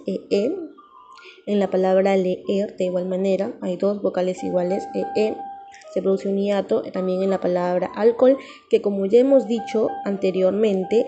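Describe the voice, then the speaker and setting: A woman teaches a recorded grammar lesson in a deep, mellow voice. She speaks patiently, stopping to repeat key terms slowly, with faint music playing underneath. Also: lo-fi sound.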